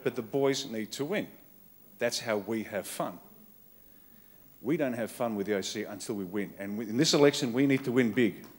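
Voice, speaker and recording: A man's voice: medium pitch, moderate pace. Punchy Australian man giving a rousing speech. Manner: punchy, emphatic, short repeated phrases. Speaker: keynote speaker. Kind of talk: rousing political keynote speech. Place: conference hall stage. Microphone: podium microphone on a stand.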